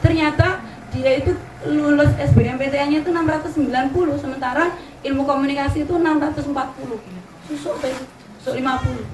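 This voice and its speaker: Female religious teacher, middle-aged, Javanese accent, folksy storyteller; far-off mic in an echoey pavilion with steady ambient noise. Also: high voice, quick pace. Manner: anecdotal, chatty, mixes in Javanese words. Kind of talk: religious study talk to mothers. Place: open pavilion hall. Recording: roomy echo, distant mic, ambient noise.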